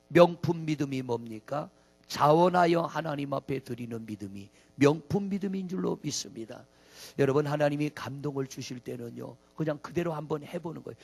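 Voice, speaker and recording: Gravelly high-voiced Korean pastor preaching. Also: male voice. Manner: folksy preaching with rhetorical questions to the congregation. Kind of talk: sermon.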